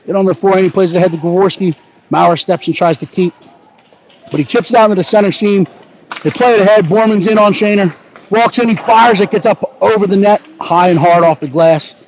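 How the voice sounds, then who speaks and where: High-voiced man calling hockey play-by-play. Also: darkish tone. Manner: brisk running narration of each pass, partisan toward the home team. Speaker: play-by-play announcer. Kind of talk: live hockey play-by-play commentary. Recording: dull lo-fi audio with faint background noise.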